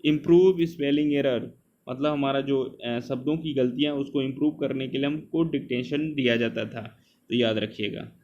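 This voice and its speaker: A man teaches an exam coaching lesson, drilling terms by saying them again and again. His voice sits at a mid pitch. The recording is slightly dull and lo-fi, with a faint hiss underneath. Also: normal speed, a little mellow.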